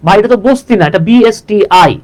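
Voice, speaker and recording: High-voiced Bangladeshi man teaching English. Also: brisk, darkish tone, rough recording. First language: Bengali. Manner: chatty, addresses viewers as brother and dada. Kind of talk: live online English lesson.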